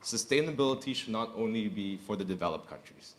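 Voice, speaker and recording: Talking fast with lively intonation, this Indonesian man in his 30s addresses a panel as a corporate executive. His voice sits on the low side, and he speaks with earnest conviction, circling back to key phrases for emphasis.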